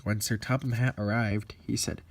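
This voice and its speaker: A man narrating a homemade fan story aloud in a plain, unhurried way. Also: lowish voice, fairly even intonation, gravelly.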